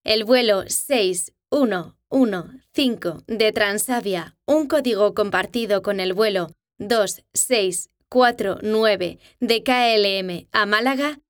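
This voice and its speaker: A woman reading scripted airport boarding announcements in a formal, measured public-announcement manner. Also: mid-range voice, no room sound, studio quality.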